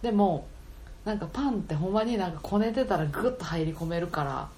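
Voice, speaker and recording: A young woman talks very quickly in an Osaka Kansai accent, with a slightly low voice. It is casual co-host chat, recorded with some background noise. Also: animated, darkish tone. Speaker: podcast co-host.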